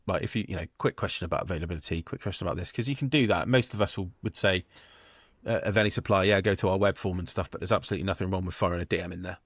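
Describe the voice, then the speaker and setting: A man's voice: low voice, very fast, slightly rough, dry recording. A man with a British accent, co-hosting a podcast, upbeat and teasing, asking his co-host questions. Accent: British English. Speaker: podcast co-host, wedding photographer. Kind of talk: casual podcast chat.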